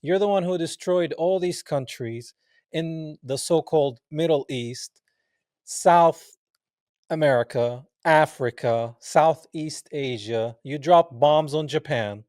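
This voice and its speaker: This Arabic-speaking man from Palestine, in his forties, speaks slowly in a fairly high pitch, with no room sound and a clean studio finish. As a guest in a relaxed interview, he spins stories with animation, voicing the characters' lines and laughing a lot.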